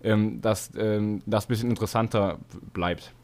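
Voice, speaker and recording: A young man co-hosting a casual podcast, telling stories in a slangy, animated way with many fillers. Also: on the low side, a little slow. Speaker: podcast co-host. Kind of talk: casual chat.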